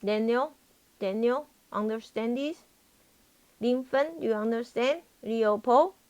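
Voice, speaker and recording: Slowly, in a slightly high, darkish-toned voice, a woman professor leads a live programming class. She tends to repeat herself and frequently checks whether her students are following.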